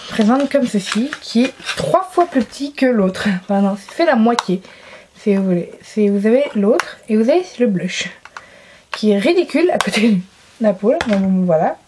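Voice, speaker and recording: A woman vlogger chatting casually to camera at home about a makeup haul, gushing about products and often pausing with hesitant fillers. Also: medium pitch, background noise. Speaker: beauty vlogger.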